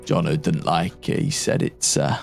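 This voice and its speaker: A man's voice: rumbling low, steady tone, moderate pace, creaky, pitched below the performer's own voice, heavily acted. A man voicing a gossipy, weary guardsman in an improvised tabletop role-play, rambling and grumbling. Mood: dismissive gossip. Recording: music under the voice.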